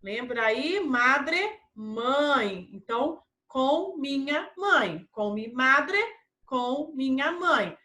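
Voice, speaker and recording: Brazilian woman, Spanish teacher, very slow, patient word-by-word drilling. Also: high voice, animated, sharp tone, echoey room, faint music behind. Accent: Brazilian Portuguese. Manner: slow, repeats each word in two languages. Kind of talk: online vocabulary lesson for children.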